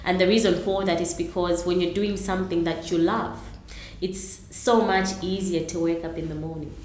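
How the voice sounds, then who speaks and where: A woman's voice: on the low side, steady tone, moderate pace, darkish tone, reverberant, slight background noise. A middle-aged woman from Zambia, answering interview questions earnestly, with many ums and restarts. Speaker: interview guest, entrepreneur.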